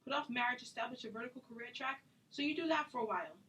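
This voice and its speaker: A woman's voice: high voice, lively intonation, sharp tone, low-quality recording. A woman acting a self-taped drama scene as a hurt, indignant friend, intense and accusatory in her delivery. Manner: accusatory, intense, rapid-fire.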